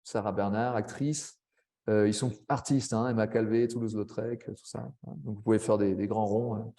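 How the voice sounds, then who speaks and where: A man giving a webinar presentation to language teachers, chatty, with frequent tag words and quick asides. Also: on the low side, fairly even intonation, dark tone. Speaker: French language teacher trainer.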